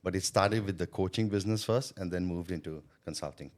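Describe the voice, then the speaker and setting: Speaking briskly in a low voice, a guest on an interview discusses his business and growing up. Born in Thailand and schooled in India, this sales coach and business owner is earnest and reflective, leaning often on "right?" and "you know".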